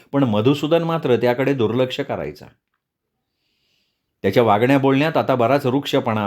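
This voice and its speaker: A male storyteller reads a novel aloud at a medium pitch. His delivery is measured and expressive, in the manner of an audiobook narration.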